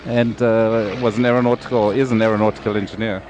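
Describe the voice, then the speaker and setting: A man's voice: on the low side, quick pace. Man from South Africa, hesitant chat. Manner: relaxed, hesitant, many fillers. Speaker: guest, paint scheme designer. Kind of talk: casual outdoor podcast chat. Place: outdoor airfield deck near runway.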